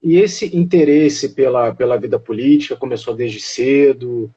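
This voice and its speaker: A man's voice: mid-range voice, moderate pace, dark tone, highs cut off. A man hosting a casual live-stream interview over a video call, friendly and joking about football.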